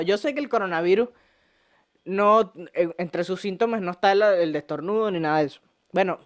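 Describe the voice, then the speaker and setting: A young man with a Venezuelan accent hosting a casual podcast, telling stories with lots of swearing, jokes and laughter. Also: high-pitched. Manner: profane, joking, laughs often. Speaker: podcast host. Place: home podcast set.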